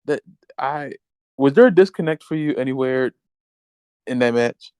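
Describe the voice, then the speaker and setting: A man's voice: medium pitch, normal speed, mellow, clean tone, no echo. A man co-hosting a podcast, chatting casually and laid-back with short agreeing replies. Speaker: podcast co-host. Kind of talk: casual wrestling chat.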